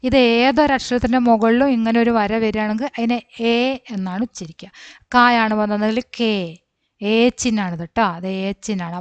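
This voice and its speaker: Female teacher, patient and slow, spelling out letters, dry dull-sounding recording. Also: medium pitch, clear, resonant tone, dry recording. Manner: slow, patient letter-by-letter explanation with questions to pupils. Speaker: Hindi teacher. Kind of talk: online language lesson.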